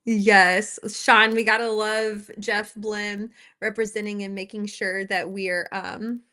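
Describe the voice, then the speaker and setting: A woman's voice: mid-range voice, little pitch movement, slow, pushed and bright. A woman hosting a casual live stream, chatting and laughing with her viewers while she reacts to videos and fixes her audio, heard through a laptop microphone at home. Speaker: livestream host reacting to videos. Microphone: laptop built-in microphone.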